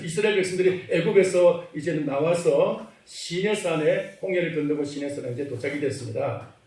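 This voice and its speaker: High-voiced pastor in an echoey hall. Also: male voice. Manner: animated, acts out dialogue, asks the congregation questions. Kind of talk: sermon. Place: church sanctuary. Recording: very echoey hall, mic far off.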